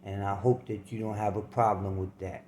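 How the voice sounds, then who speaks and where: Dude doing a blunt older-brother type leader, low voice, roomy sound. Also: male voice, little pitch movement, moderate pace, a little mellow, a little hiss or hum, natural voice. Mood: firm. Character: steady, concerned male party leader.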